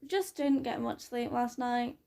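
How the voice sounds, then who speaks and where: A woman voicing an exhausted, gentle teenage boy hero student who mumbles sleepily. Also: fairly high pitch, unhurried, creaky. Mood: tired.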